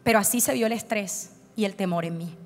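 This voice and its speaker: A woman's voice: medium pitch, brisk. A woman pastor, preaching an emotional testimony at a conference and acting out her own past words. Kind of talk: conference sermon with personal testimony. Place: large church hall. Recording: church hall reverb with soft music.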